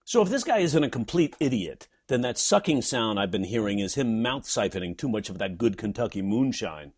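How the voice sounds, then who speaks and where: A man's voice: on the low side, big pitch swings, a little fast, darkish tone, husky. A man from New York reading his own blog post aloud, sarcastic and wisecracking as he pokes fun at someone. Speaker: comedy writer and teacher.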